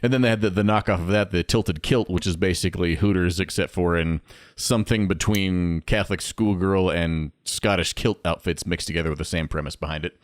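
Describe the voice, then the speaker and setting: Male podcast co-host, 30s, low voice, wry chatty delivery, dry recording. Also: fairly even intonation, a little fast, dry recording. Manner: chatty, wry, reads from a list. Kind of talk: casual podcast chat.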